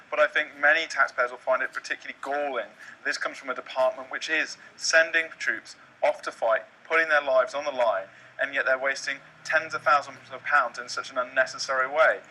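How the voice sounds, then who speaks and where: A man's voice: medium pitch, pushed and bright, a little hiss or hum, poor audio. A man giving an articulate, critical soundbite as an interviewed commentator.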